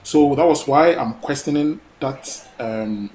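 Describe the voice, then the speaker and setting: A man's voice: mid-range voice, slow, noisy background. A man from Ghana calling in to a talk show, speaking earnestly with hesitations and fillers. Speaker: caller. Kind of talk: call-in talk.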